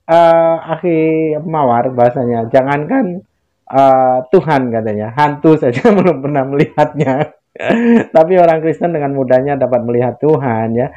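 A man's voice: medium pitch, moderate pace, warm tone. A man hosting a channel, giving mocking commentary and often chuckling. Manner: mocking, laughs between phrases. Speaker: channel host. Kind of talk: commentary to camera. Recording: dull lo-fi sound.

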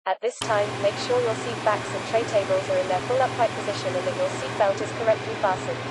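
A woman voicing a polite flight attendant reading scripted cabin announcements in a formal, measured delivery. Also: mid-range voice, steady tone, lightly acted. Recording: loud aircraft engine noise behind.

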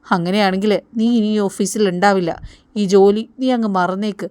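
A woman's voice: mid-range voice, steady tone, normal speed, darkish tone, clean tone, dry recording, clean studio sound, natural voice. A woman voicing a haughty young female officer who scornfully threatens people.

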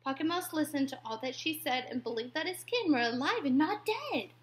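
A woman reading a rhyming children's story aloud, expressive and dropping to whispers at tense moments. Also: high-pitched, a little fast. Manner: expressive, drops to whispers for suspense.

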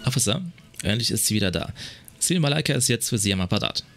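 A man's voice: on the low side, animated, fast talker, fairly bright tone, soft background music. A man voicing a formal, courteous woman police dispatcher in a video game, reading her lines aloud. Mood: polite.

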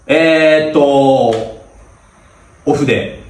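A man's voice: fairly high pitch, very slow. A man playing a bossy, scolding senior athlete. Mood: cowed. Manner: barking rough orders, berating. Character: bossy intimidating male high school senior athlete. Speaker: comedy sketch performer. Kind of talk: comedy sketch acting. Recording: echoey room, mic from a distance.

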